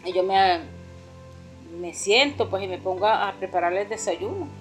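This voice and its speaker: A woman's voice: medium pitch, lively intonation, normal speed, soft background music. A middle-aged woman with a Venezuelan accent giving an earnest, heartfelt personal testimony in church. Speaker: pastor's mother-in-law giving a testimony.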